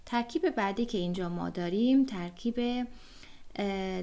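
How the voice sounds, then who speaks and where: A woman's voice: mid-range voice, darkish tone. A woman teaching German pronunciation in an online lesson, explaining patiently step by step with frequent fillers.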